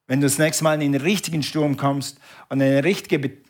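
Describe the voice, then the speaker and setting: Animated man preaching a sermon. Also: a little high, brisk. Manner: animated preacher, call and response with congregation. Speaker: pastor.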